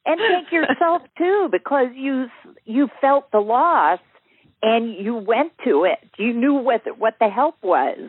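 Brief: upbeat woman teacher of affirmations, slightly high, husky, dry phone-line sound. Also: slow pace, no room sound. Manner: animated, emphatic. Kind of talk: casual chat.

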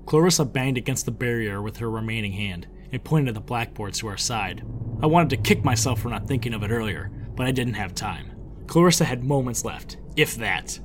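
A man reads a first-person story in a steady, measured way, his voice sitting at an ordinary middle pitch. Music plays clearly behind the narration throughout.

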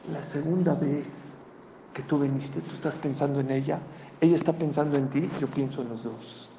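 A man voicing a wise, generous rabbi who explains calmly, in a sermon story. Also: a little high, echoey room, big-room sound, slight background noise, natural voice. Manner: calm, explaining.

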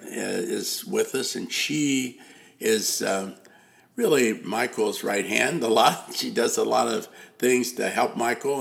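An older man hosts a casual interview podcast in a deep, heavily gravelly voice. He rambles, trailing off into fillers and restarting his sentences. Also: fairly bright tone. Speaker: podcast host.

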